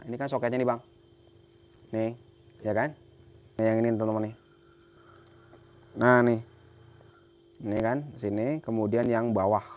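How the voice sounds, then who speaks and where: A man's voice: medium pitch, darkish tone. A young man from Central Java giving a casual hands-on repair tutorial in a workshop, talking as he works and repeating his phrases. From Central Java, Indonesia. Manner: casual, talks while working, repeats phrases. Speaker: repair technician.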